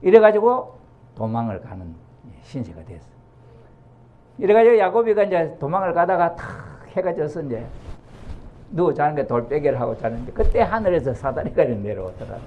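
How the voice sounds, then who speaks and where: A man preaching by retelling a bible story in an animated way, acting out its characters as he goes. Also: fairly high pitch, a little fast, narrow, tinny audio.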